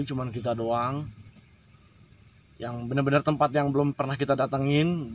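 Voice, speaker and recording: A man's voice: medium pitch, a little hiss or hum. A man casually retelling a strange personal experience in slangy, repetitive first person, full of emotion. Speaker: storyteller. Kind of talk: casual spoken ghost-story retelling.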